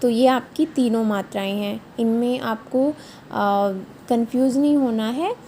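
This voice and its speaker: A woman's voice: on the high side, unhurried, mellow, a little hiss or hum. A woman teacher giving a patient, step-by-step revision lesson to young children, often checking in with short questions. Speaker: primary school teacher.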